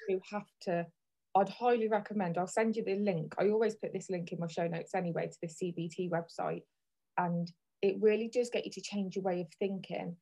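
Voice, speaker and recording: A woman's voice: medium pitch, steady tone, brisk, dark tone, low-quality recording. Candid, chatty woman hosting a podcast, thirties. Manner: candid and chatty, laughs easily. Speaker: podcast host. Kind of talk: casual chat.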